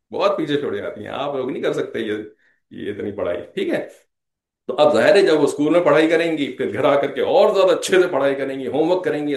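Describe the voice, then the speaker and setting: A man's voice: a little high, darkish tone. A man delivers an Islamic lecture in a slightly raised voice. He talks conversationally, slips English phrases in, and keeps checking in with his audience. The room is echoey. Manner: conversational, repeats "theek hai" as a check-in; mixes English phrases into speech. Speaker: religious lecturer.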